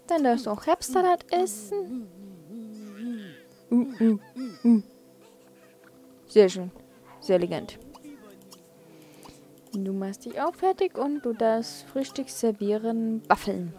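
Woman, let's play commentary, chatty, coaxing tone, slightly high voice. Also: dark tone. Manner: chatty, coaxing the game characters. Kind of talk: casual gameplay commentary.

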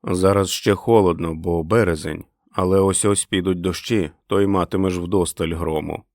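A man's voice: sits low, steady tone, normal speed, no echo, clean studio sound. Man voicing Uncle Einar, a winged, joyful father. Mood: calm. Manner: bursts into loud joyful exclamations. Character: winged grown father yearning to fly, gloomy then overjoyed. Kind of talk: audiobook character reading.

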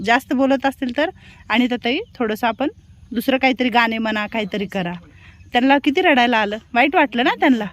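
A woman with a Marathi accent, a caretaker at an old-age home, talking gently and coaxingly with elderly residents and scolding them in a motherly way. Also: on the high side, fairly quick. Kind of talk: caring talk with elderly residents.

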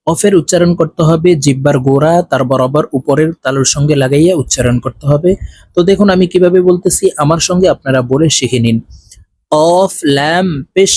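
A man, his voice sitting a little high, teaches recitation in a spoken lesson. He breaks words into letters and vowel marks and spells each one out with patient care. The close recording is dry, with no room echo. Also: fast, a little mellow.

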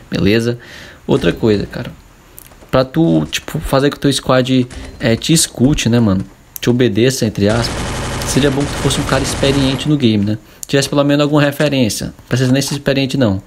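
A young Brazilian man with a mid-range, darkish voice and a Brazilian Portuguese accent coaches gamers in a casual advice vlog, chatting freely and filling his speech with tag questions.

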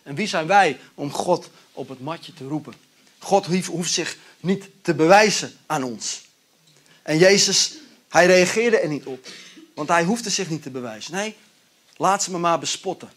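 A male pastor gives a sermon in a chatty, animated storytelling style. His voice sits a little high for a man. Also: unhurried.

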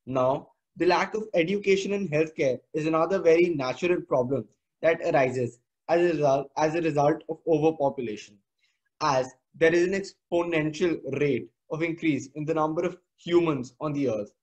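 A man's voice: on the high side, moderate pace, a little mellow, rough recording. A teenage male student with an educated Indian English accent, giving an earnest, formal slide presentation. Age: teenager, about 16 or 17.

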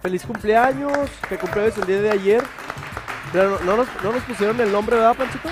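A man hosts a live morning show in a high, bright-toned voice. He chats loosely and affectionately while reading viewer messages. Faint music plays underneath. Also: brisk, crowd noise. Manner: chatty, affectionate, reads viewer messages aloud. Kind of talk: casual live TV chat.

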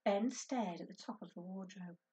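A woman teacher reading a children's book aloud to her class, with clear, expressive storytelling. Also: mid-range voice, moderate pace, recorded from a distance.

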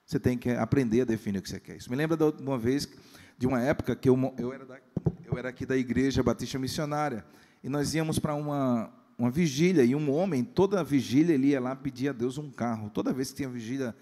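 A man's voice: medium pitch, fast talker, dark tone. A pastor, preaching a humorous sermon in a church and acting out the people in his stories. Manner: storytelling, acts out quoted voices. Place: church sanctuary. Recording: long church hall reverb.

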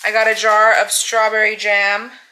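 An American woman talks casually to her viewers, thinking aloud with plenty of fillers and a tired edge. Household noise runs clearly behind her voice. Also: medium pitch, monotone, moderate pace, pushed and bright, poor audio. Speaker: vlogger. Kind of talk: casual chat.

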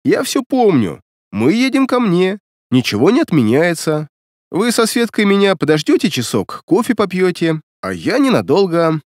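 Male narrator voicing a smitten womanizer, higher and insistent, audiobook read. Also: huge pitch swings, moderate pace, darkish tone, no room sound, studio quality. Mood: eager. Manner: eager, insistent, pleading. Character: smitten lovestruck womanizer man, pleading. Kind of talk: audiobook character reading.

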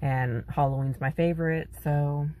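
A Californian woman in her thirties, her voice low-pitched, steady and mellow, vlogs casually into her phone held at arm's length. She talks first from a parked truck and then at home, with slow, sighing, grumbling complaints.

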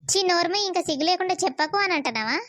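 A furious village mother, voiced by a woman scolds in a high, rapid voice. Her cartoon lines are reproachful and come close and dry, with little room sound. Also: animated, a bit bright, no echo. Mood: scolding. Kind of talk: cartoon voice acting.

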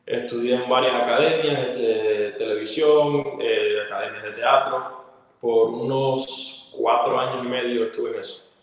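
A young Cuban actor and model, with a Cuban accent, gives casual interview answers as a guest over a video call, telling stories fluently with fillers between thoughts. His pitch is an ordinary male middle, his intonation fairly even, and his pace measured. He's indoors against a plain wall, and the bare room rings with reverberation and a long tail.

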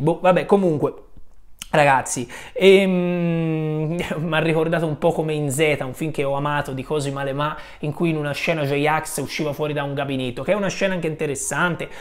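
A man giving a casual spoken film review, rambling and hesitant, often trailing off and correcting himself. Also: fairly high pitch.

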